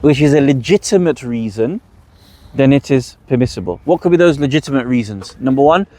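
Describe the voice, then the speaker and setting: A man's voice: mid-range voice, expressive, brisk, dark tone. A man leading a religious workshop, explaining rules and asking the audience rhetorical questions before answering them. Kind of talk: explanatory teaching talk.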